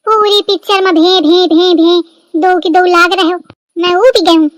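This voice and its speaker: A woman voicing a quarrelsome elder sister-in-law in a cartoon, with a sharp, bickering manner. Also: very high-pitched, fairly even intonation, a little slow, no room sound, studio quality.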